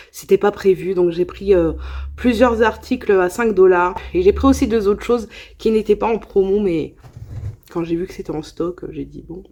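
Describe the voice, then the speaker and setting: This is a young woman vlogging a makeup haul in a relaxed, chatty way. She sounds enthusiastic, piles on asides and fillers, and her voice has a mellow, warm tone. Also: fairly low pitch. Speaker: beauty vlogger. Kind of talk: casual haul video chat.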